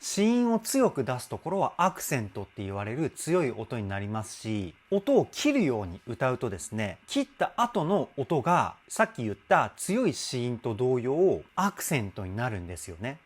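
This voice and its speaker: A man's voice: medium pitch, wildly swooping pitch, breathy edge. A man working as a vocal coach, giving casual commentary on a song and explaining singing technique with enthusiastic admiration. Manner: speaks with soft drawn-out "uun" sounds while listening.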